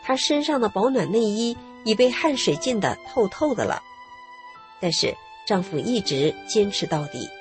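Woman reading a radio story, steady and calm, faint music behind. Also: medium pitch, moderate pace. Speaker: narrator telling her own story. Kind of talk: scripted radio story narration.

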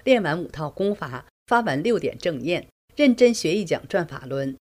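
A woman's voice: lowish voice, lively intonation, normal speed, darkish tone. An older woman reading her personal testimony aloud in an earnest, emotional way.

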